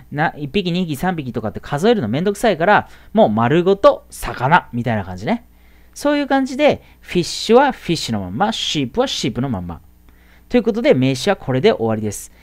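A woman with a lowish voice gives a chatty grammar lesson for young teens. Her intonation swings widely. She stretches each English example word out slowly so the class can follow. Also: a little mellow. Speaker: English teacher. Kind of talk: casual lecture to middle schoolers.

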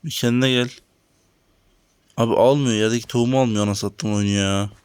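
A gaming channel host talks to his viewers in a casual let's-play while playing his own game, grumbling about the lag. His mid-range voice is smooth and steady, a little fast, with no room sound.

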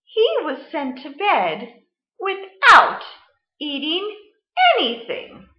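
Her voice sits high as this woman in her thirties, a children's librarian, reads a story aloud with deliberate, expressive, sing-song teaching delivery. An arm's-length webcam or laptop mic captures her indoors with a roomy, slightly dull quality.

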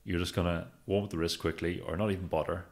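Brief: low male podcast co-host, handstand coach, animated storyteller. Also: fast, vocal fry. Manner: lively storyteller, acts out quotes. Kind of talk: casual podcast conversation.

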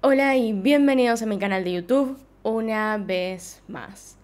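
A young woman with an Argentine accent, hosting her true-crime channel and telling the case in calm, measured, scripted narration, recorded at home on a desk mic. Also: a little high, soft background music. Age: young adult. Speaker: true-crime vlogger host. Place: living room at home. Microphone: studio mic on desk.

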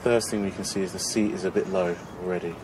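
A man's voice: low-pitched, steady tone, quick pace, background noise. A man, a bike designer, coaching on location in an encouraging, instructive way.

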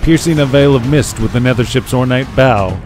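A man's voice: mid-range voice, fairly quick, darkish tone. A man giving a scripted, dramatic story narration as a voice-over narrator. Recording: music behind the voice.

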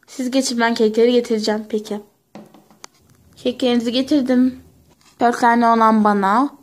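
A woman's voice: on the high side, fairly even intonation, moderate pace. A young woman performing every part of a homemade pony toy story, switching between chatty playful character voices.

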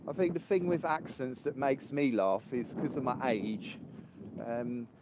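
A man's voice: mid-range voice, a little slow. Casual English host in his fifties with a north-of-London accent, chatting on a phone outdoors with faint noise behind. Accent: English, from just north of London. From England. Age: 50s. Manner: chatty, joking, rambling. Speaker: live stream host. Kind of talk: casual live chat with viewers. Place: outdoors, walking in the cold.

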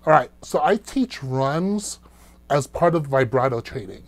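A man's voice: medium pitch, expressive, a little slow. A man working as a vocal coach, reacting to clips and explaining singing techniques in an easygoing teaching manner. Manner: explanatory, demonstrates vocal techniques with sounds and laughs. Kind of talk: reaction video commentary.

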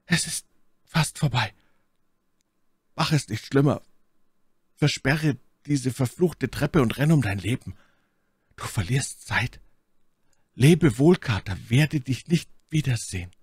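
A man's voice: medium pitch, expressive, slow, pauses often, darkish tone, slightly rough, no room sound, studio quality, pitched above the performer's own voice, exaggerated voice. A man voicing a terrified, trapped man who pleads in a desperate, half-whispered voice. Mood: resigned.

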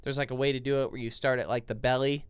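A young man co-hosting a podcast, telling stories in a relaxed, animated way. He speaks into a boom mic in a small foam-lined studio. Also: fast, clean tone, no room sound. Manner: animated, gestures with his hands while telling stories. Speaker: podcast co-host. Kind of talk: casual storytelling chat. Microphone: boom mic with headphones.

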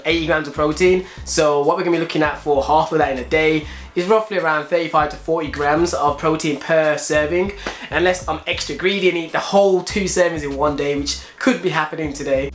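Talking to camera from his small home kitchen, a British man in his twenties runs a fitness vlog, casually explaining as he goes. His voice sits on the high side with a fairly bright tone, and the audio has kitchen echo and noticeable background noise.

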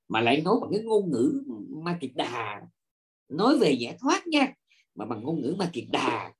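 Male monk teacher, dharma lecture, pitch swings widely, asks the class rhetorical questions, stalls on repeated fillers. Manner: repeats filler words while searching.

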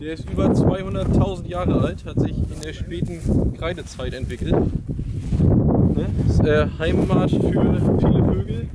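A man's voice: sits high, measured pace, heavy background noise. A young man vlogging on a road trip, chatting casually outdoors by a van and joking as a mock expert, recorded on a handheld action camera. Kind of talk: casual chat.

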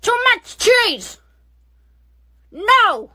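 A woman's voice: extremely high pitch, sing-song, bright, forceful tone, heavily acted. A woman voicing a cranky, stubborn elderly woman in a nursing home, whining and drawling in a comedy skit. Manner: cranky, whiny, slow drawl.

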